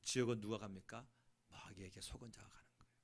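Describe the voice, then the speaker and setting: A male pastor preaching a sermon, swinging from shouting to hushed asides and acting out scenes. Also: lowish voice, fairly even intonation, quick pace, breathy edge.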